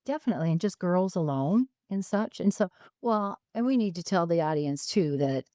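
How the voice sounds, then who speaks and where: A woman's voice: fairly low pitch, lively intonation, normal speed, mellow, dry recording, studio quality. A woman in her sixties from California, telling family stories in a chatty podcast conversation, often laughing and restarting her sentences. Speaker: podcast guest. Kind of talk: casual storytelling conversation.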